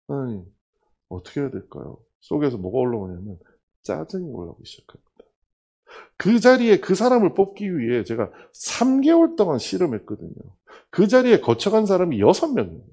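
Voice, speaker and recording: A middle-aged male pastor with a slightly high, somewhat rough voice preaches a sermon built around a personal testimony. He tells it as a story, acting out the dialogue of the people involved with lively swings.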